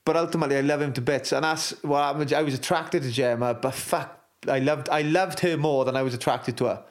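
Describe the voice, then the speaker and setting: A man's voice: on the high side, fairly even intonation, fast talker. A middle-aged man, a former rugby player, talking frankly and swearing freely as an interview guest, full of restarts. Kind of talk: candid interview talk.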